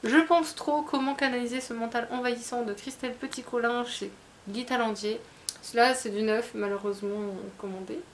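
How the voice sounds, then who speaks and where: A woman's voice: fairly high pitch, fairly even intonation, a little fast. Chatty woman with faint hiss. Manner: chatty, hesitant, many fillers and restarts. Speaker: book vlogger. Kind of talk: casual book haul chat.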